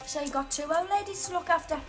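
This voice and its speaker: A woman's voice: extremely high pitch, fast. An actress playing a cheeky, bossy young woman who teases with dry sarcasm in natural TV comedy-drama dialogue. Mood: playful teasing. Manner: teasing, wisecracking, deadpan sarcasm. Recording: music and crowd chatter behind.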